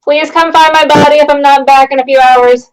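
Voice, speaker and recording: A young woman with a slightly high voice plays a tabletop game. She improvises in character with casual, sardonic banter and wry asides. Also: fairly even intonation, fairly quick, low-quality recording.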